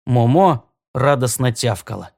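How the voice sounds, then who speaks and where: A man narrating a story in a steady, even storytelling manner, as an audiobook. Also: medium pitch, a little slow, vocal fry.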